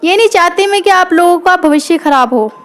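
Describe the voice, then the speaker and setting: A woman's voice: extremely high pitch, animated, a little fast, fairly bright tone. A woman teaching grammar in a coaching-class lesson, patient and repetitive, often checking in with her students. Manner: patient, repeats points, checks in with "theek hai". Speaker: Hindi teacher.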